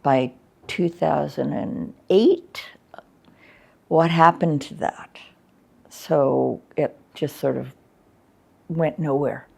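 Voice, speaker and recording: A woman's voice: sits low, drawn-out words, creaky, long pauses, darkish tone, breathy edge. An older woman, chatting frankly in an interview and reminiscing about her arts work, with plenty of ums. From Canada. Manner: candid and frank, chatty with many fillers. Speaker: interviewee, former arts coordinator. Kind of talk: reflective interview chat.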